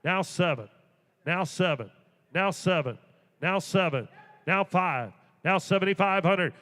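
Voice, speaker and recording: A man's voice: high-pitched, lively intonation, measured pace, a bit bright. A man working as an auctioneer, chanting bids in a rolling, repetitive patter with folksy asides. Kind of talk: rapid rhythmic auctioneer chant, calling bids. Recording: echoey auction hall with long reverb.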